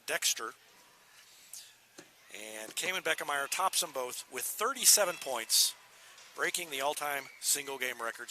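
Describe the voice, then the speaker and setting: A man calling a high school basketball broadcast, reading out scores and records in a conversational way while he looks things up. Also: sharp tone, a little hiss or hum. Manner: conversational, thinking aloud while checking records. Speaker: play-by-play broadcaster. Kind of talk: sports broadcast wrap-up.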